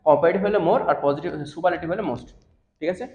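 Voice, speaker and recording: Fast-talking male teacher in an echoey classroom. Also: fairly high pitch. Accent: Bangladeshi Bengali. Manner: explains step by step, asks rhetorical questions. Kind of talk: classroom grammar lesson. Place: classroom with a board. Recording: echoey, dull classroom recording.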